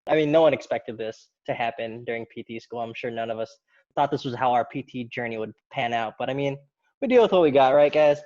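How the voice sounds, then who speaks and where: A man's voice: mid-range voice, brisk. Young male podcast host, dull lo-fi audio. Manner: relaxed, chatty, asks questions. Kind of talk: casual podcast chat.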